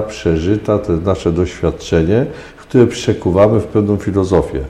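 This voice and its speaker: Deep-voiced older man lecturing emphatically. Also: vocal fry, dark tone, echoey room. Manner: lecturing, emphatic, with frequent hesitations. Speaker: sexologist guest. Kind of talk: radio interview answers.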